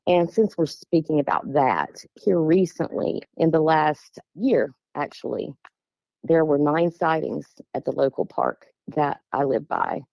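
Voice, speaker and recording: A woman's voice: low-pitched, vocal fry, dark tone, no room sound. A middle-aged woman from West Virginia with an Appalachian accent, casually telling a personal story in a plain-spoken, meandering way. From West Virginia, USA. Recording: dull, lo-fi, dry close sound.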